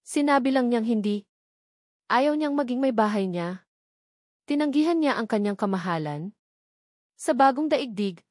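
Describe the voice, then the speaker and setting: A woman reads a scripted story as an audiobook narrator, her medium-pitched voice carrying a darkish tone. The recording is very dry, with no room sound around her words.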